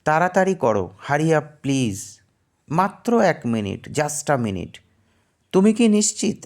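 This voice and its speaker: Male English teacher, slow, sing-song phrase-by-phrase reading for learners. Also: on the high side, big pitch swings. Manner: says each Bangla phrase, then its English translation slowly.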